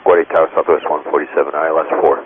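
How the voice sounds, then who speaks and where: Deep-voiced male pilot on a tinny cockpit headset. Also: level tone, very fast. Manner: pilot speaking on a cockpit headset, terse, procedural. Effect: aircraft radio transmission. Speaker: airline pilot. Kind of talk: clipped aviation radio calls. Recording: tinny narrowband cockpit radio, faint static.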